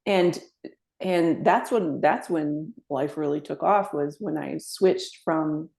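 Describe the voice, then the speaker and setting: A woman's voice: deep voice, takes it slowly, creaky, darkish tone. A woman co-hosting a podcast, a former medium, speaking earnestly in casual conversation and often restarting her sentences. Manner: earnest, with frequent fillers and restarts.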